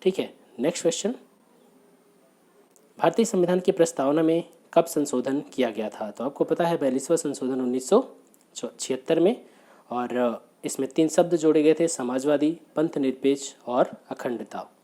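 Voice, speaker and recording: A man teaching exam prep, working briskly through quiz questions, asking rhetorical questions and repeating the answers. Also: fairly high pitch, mellow. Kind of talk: exam question walkthrough lecture.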